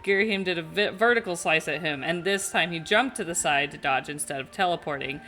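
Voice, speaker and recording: Casting note: giggly young woman reading fan fiction aloud, bright and lowish. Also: a little fast, slight background noise. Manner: giggly and casual. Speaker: co-reader.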